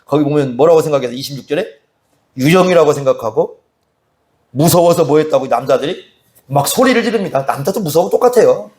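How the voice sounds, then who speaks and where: A man's voice: a little high, lively intonation, a little fast, darkish tone. A male pastor preaching an expository sermon in a conversational way, often asking the congregation questions. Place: church sanctuary.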